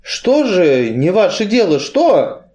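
A man voicing a timid, frightened young man who pleads in a high, quavering voice. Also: big pitch swings, takes it slowly, dark tone, muffled recording, heavily acted. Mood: fearful.

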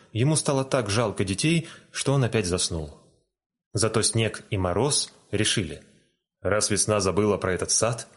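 A man reading a fairy tale aloud in a calm, gentle storytelling manner. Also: on the low side. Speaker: narrator. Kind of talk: storybook narration.

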